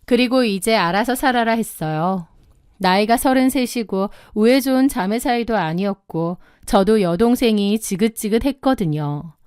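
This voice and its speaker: A woman in her thirties telling a first-person story in a measured, indignant way. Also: on the high side, darkish tone, clear, resonant tone, no room sound, clean studio sound. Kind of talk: scripted first-person narration.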